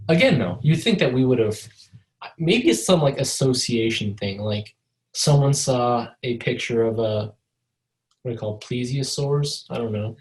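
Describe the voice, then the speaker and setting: Podcast co-host, man, mid pitch, rambly and profane, on a video call. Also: lively intonation, moderate pace, a little mellow, poor audio. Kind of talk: casual chat. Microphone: video call over a mobile hotspot.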